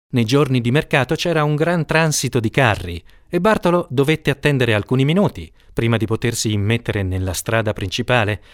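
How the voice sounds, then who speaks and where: A man narrates an audiobook with a steady, expressive delivery. His voice sits in a middle register and sounds close and dry, with no room around it. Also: mid-range voice, no echo.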